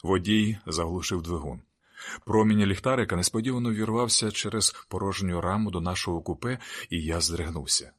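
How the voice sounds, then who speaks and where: A man narrating a novel in the first person, reading in an even, measured way. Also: deep voice. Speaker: audiobook narrator.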